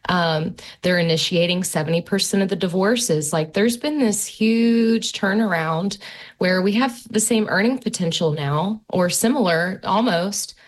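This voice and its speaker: A woman in her thirties telling stories in a casual conversation, chatty and animated, full of fillers. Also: medium pitch, a little slow.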